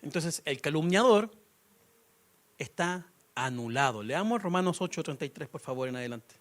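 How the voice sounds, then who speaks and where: A young male pastor delivers a conversational sermon. He has a notably high voice and keeps a light, humorous touch. He asks the congregation rhetorical questions throughout. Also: lively intonation, moderate pace.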